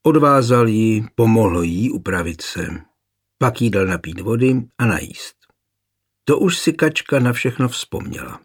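A man narrating a historical novel in an expressive storytelling way. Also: fairly low pitch, husky. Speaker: audiobook narrator.

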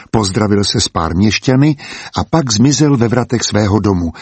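Male audiobook narrator, husky, measured, dry studio sound. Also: fairly low pitch, no echo. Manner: calm, measured storytelling.

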